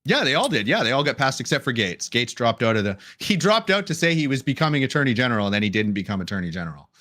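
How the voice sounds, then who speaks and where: Lively, bright-voiced man. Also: medium pitch, fast. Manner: chatty, joking, wandering off topic. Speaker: livestream co-host. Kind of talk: casual political chat.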